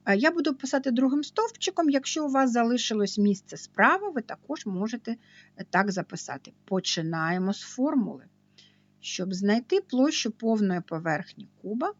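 Patient woman teacher, lively pitch. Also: lo-fi sound. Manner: slow, patient, step-by-step explaining. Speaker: math teacher. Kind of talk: video math lesson.

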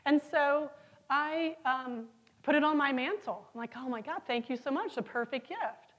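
Through a muffled recording, a middle-aged woman can be heard delivering a keynote on a large conference hall stage. Her voice is high and her pace moderate as she tells animated stories and quizzes the audience.

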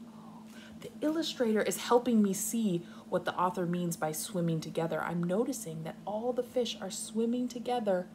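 At a medium pitch and normal speed, a young adult American woman reads aloud indoors on a couch in her living room. She explains things simply for small children in a kindergarten-teacher style, instructive and clear. Background noise is evident, as in a typical home recording.

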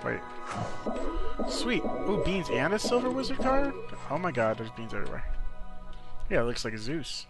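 A man's voice: a little high, very animated, moderate pace, long pauses. A man giving casual, rambling gameplay commentary in blunt, slangy, sweary language. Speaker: video game player commentator. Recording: game music under the voice. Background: video game music.

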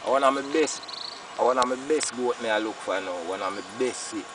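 A man's voice: medium pitch, brisk, distant mic. An older Jamaican man reasoning casually in rasta-style patois, emphatic and repeating his phrases. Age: older, about 60s. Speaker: farmer being interviewed. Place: outdoors on a village roadside. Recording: outdoor roadside, off-mic, faint noise.

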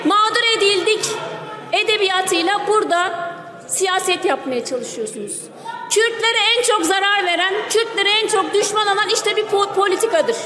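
A woman lawmaker giving a forceful parliamentary speech at a rostrum microphone, firing off rhetorical questions. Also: very high-pitched, normal speed. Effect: speaking at a parliamentary rostrum microphone. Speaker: member of parliament. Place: parliament chamber. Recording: crowd murmur of parliament chamber.

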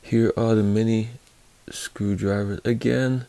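Slow, gravelly-voiced man reviewing tools. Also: lowish voice, steady tone, mellow, no echo. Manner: unhurried, hesitant, many fillers and restarts. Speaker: tool reviewer. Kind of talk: casual hands-on product review.

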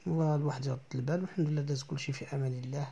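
A man's voice: fairly high pitch, steady tone, very fast, vocal fry, mellow, breathy edge, poor audio. A middle-aged man with a Moroccan Arabic accent, chatting casually on a travel vlog, upbeat and full of thanks and blessings, filming on a phone held close outdoors. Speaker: motorcycle vlogger. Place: outdoors at roadside shops and stops. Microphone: phone held close for a selfie.

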